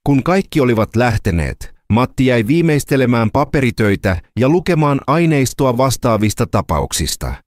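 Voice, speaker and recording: A man narrating a scripted dramatic story in a lively, storytelling manner. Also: mid-range voice, hardly any pauses.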